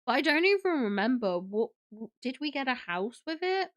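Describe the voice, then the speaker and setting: A woman's voice: high voice, very animated, normal speed, a bit bright. A young woman hosting a casual livestream, sniffly from a cold, gushing and chatty as she greets viewers. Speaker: livestream host.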